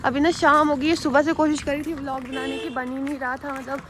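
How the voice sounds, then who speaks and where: A woman vlogger from Jammu and Kashmir with a high voice. She talks to her viewers in a loose, chatty way and keeps calling them "guys". She records herself outdoors on a handheld phone. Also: little pitch movement, brisk, slight background noise. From Jammu and Kashmir, India. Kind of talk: casual vlog storytelling to viewers. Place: outdoors on a rooftop and at a school ground.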